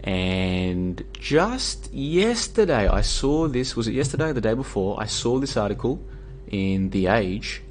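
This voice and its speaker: On his own livestream at home, a weary Australian man argues his way through a casual monologue, restarting often and leaning on fillers. His fairly low voice is very animated at a measured pace, over a faint background hiss.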